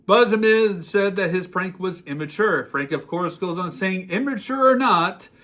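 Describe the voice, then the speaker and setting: Guy with a high bright voice ranting sarcastically about a movie character, all worked up. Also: moderate pace. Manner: sarcastic, exasperated, animated. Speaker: podcast host.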